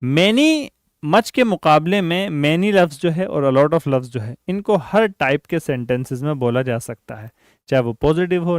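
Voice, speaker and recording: A man teaching an English grammar lesson, reading example sentences slowly and explaining them quickly. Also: on the high side, dry recording, clean studio sound.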